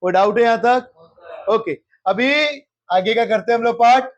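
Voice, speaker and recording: A man's voice: extremely high pitch, moderate pace, dull audio. A male math teacher, lecturing a class in geometry, often repeating questions and checking whether anyone has doubts, and mixing English terms into his speech. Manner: mixes English terms into Hindi.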